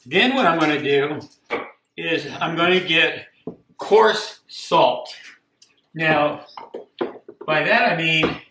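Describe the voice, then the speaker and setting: An older man from Costa Rica giving a plain, unhurried home cooking demonstration, repeating himself now and then. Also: on the high side, animated. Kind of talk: casual home cooking demo. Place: echoey home kitchen. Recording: echoey kitchen with clear background noise.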